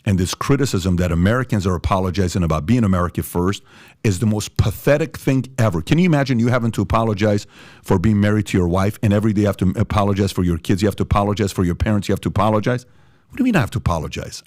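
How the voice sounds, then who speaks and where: A man's voice: fairly low pitch, lively intonation, racing, no room sound, clean studio sound. A man from Iran hosting a podcast, talking in an emphatic, repetitive way with many fillers. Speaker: podcast host. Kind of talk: opinionated podcast chat.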